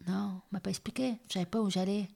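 A woman in her thirties, from southern India and raised in France, telling her life story in a hesitant way with many pauses and restarts. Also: medium pitch, fairly even intonation, creaky. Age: 30s. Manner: hesitant, many fillers and restarts, soft-spoken. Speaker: interviewee. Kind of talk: personal testimony.

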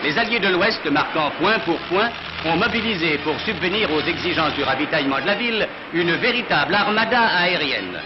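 A man's voice: a little high, expressive, a little fast, heavy background noise. A man narrating an old newsreel in a formal, declamatory style. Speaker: newsreel announcer. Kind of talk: scripted 1940s newsreel commentary. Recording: dull lo-fi archival film sound with loud music.

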